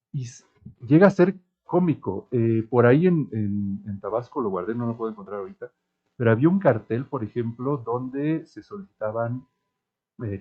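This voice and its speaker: A man's voice: medium pitch, breathy edge. A man on an academic panel, talking wryly and with sarcasm as a self-described cynic. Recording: thin phone-like sound.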